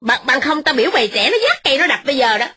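A domineering old mother-in-law, voiced by a woman narrating a storybook, who hurls rapid, high-pitched scolding. Her voice is husky and swings widely in pitch, and she speaks. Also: very animated, bright, forceful tone, no echo, studio quality, heavily acted. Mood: furious.

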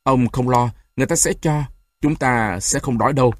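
A man voicing a gentle old grandmother who speaks softly and earnestly, in an audiobook reading. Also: medium pitch, brisk, no room sound, clean studio sound, natural voice. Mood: pleading. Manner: soft, earnest, soothing.

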